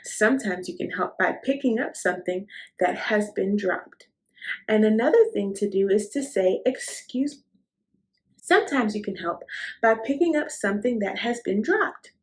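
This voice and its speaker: A children's read-aloud show host, she reads a picture book to young kids in an expressive mid-range voice at normal speed. Her manner is encouraging and instructive, speaking straight to the listener, posing questions and offering affirmation.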